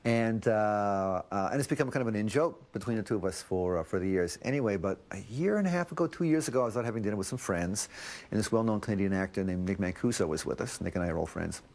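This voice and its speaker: A man's voice: lowish voice, expressive, quick pace, darkish tone. A man interviewed for a documentary, telling a personal story and acting out the dialogue he quotes.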